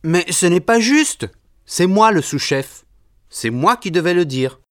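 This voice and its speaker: An eager, self-important sous-chef, played by a man in a scripted textbook dialogue. His voice sits fairly high and moves in lively swings. The sound is dry and close. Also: unhurried, dry recording. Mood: insistent. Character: eager adult male Italian sous-chef, a bit touchy.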